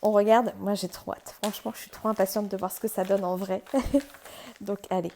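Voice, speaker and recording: A young woman hosts a relaxed crafts vlog, gushing with excitement as she unboxes a new kit. Her voice is mellow and warm, mid-pitched, and she laughs often between chatty, meandering sentences. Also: normal speed, vocal fry, slight background noise. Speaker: crafts channel host.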